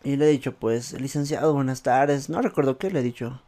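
A young man, co-hosting a podcast and telling a story in a casual, animated way. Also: mid-range voice, brisk. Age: young adult. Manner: animated, acts out quotes in a raised voice, laughs often. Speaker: podcast co-host.

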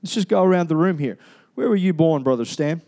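Australian male preacher, slightly raised pitch, casual and conversational, keeps asking the congregation questions. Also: expressive, brisk, warm tone. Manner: chatty, asks the congregation questions, many fillers and restarts. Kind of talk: conversational sermon.

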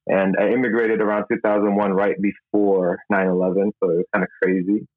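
A man's voice: on the low side, level tone, a little fast, no echo. A man in his thirties from the Philippines, a guest telling his story in an easygoing, good-humored way. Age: 30s. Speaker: guest, jiu-jitsu instructor. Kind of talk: casual interview talk. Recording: tinny phone-like line.

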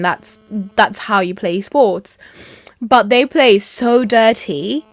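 A young adult woman co-hosting a podcast, chatting casually and ranting with animated exasperation. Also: mid-range voice, dry recording. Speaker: podcast co-host. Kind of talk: casual chat.

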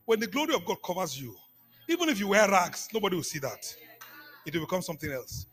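Lively high-voiced preacher. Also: male voice, quick pace, faint music behind. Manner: call-and-response preaching, repeats phrases, swings from hushed to shouting. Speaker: apostle preaching. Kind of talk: sermon.

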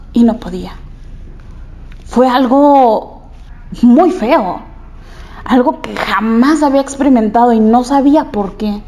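A woman's voice: sits high, darkish tone. A young woman, telling a personal story candidly and repeating phrases for emphasis.

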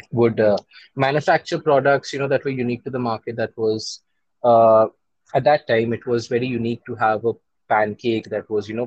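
A man's voice: medium pitch, darkish tone, no echo, muffled recording. A man with an Indian accent speaking as an interview guest, chatting casually and telling stories about running his own business. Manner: chatty, switches between English and Hindi.

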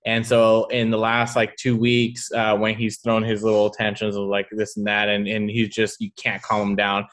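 A man's voice: fairly low pitch, monotone, moderate pace, hardly any pauses, a bit bright. A man co-hosting a casual chat, talking in a joking, conversational way with plenty of fillers. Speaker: podcast co-host.

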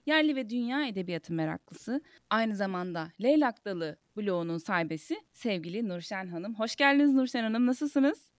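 A woman's voice: mid-range voice, lively intonation, normal speed, hardly any pauses, dry recording, clean studio sound. A woman co-hosting a book podcast, introducing the guest and chatting in an affectionate way. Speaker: podcast co-host.

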